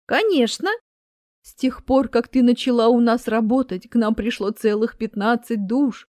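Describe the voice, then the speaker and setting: A woman's voice: on the high side, normal speed, darkish tone, no echo, studio quality, close to an everyday voice. Woman doing a tearful underworld lord. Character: tearful, easygoing male ruler of the underworld.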